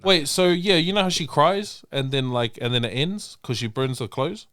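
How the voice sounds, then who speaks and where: A man's voice: a little high, expressive, normal speed, a bit bright, no echo, clean studio sound. A man hosting a casual podcast chat, rambling and swearing as he retells scenes. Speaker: podcast host.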